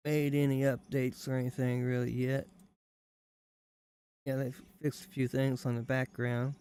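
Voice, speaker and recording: Gravelly rambling man streaming. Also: mid-range voice, mellow. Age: 30s. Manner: rambling, folksy, drifting mid-sentence. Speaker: live-stream gaming host. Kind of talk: rambling live-stream commentary.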